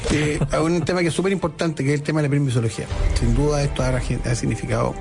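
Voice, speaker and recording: A man with a Chilean accent giving conversational political commentary as a radio panellist, often halting and rephrasing. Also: fairly high pitch, steady tone, gravelly, over music.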